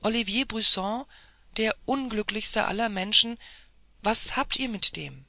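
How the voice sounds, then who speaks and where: Casual: reader doing a fervent old lady, pitched up and loud, crisp dry sound. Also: fairly even intonation, moderate pace, no room sound. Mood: alarmed. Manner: raised, exclaiming voice. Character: elderly noblewoman, anxious and fervent.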